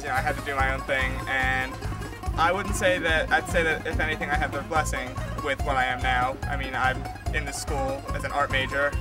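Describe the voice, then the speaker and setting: A young man in his twenties, an art student, talking casually with fillers in a documentary interview. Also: medium pitch. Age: 20s. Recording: loud music behind.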